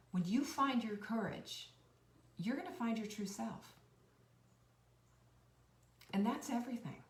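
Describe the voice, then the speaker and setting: A woman giving an earnest, encouraging motivational talk, repeating her key phrases with a preachy cadence and swinging from bright, high bursts down to soft near-whispers. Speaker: host of a cooking and life-tips channel. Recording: roomy echo, a bit far from the mic.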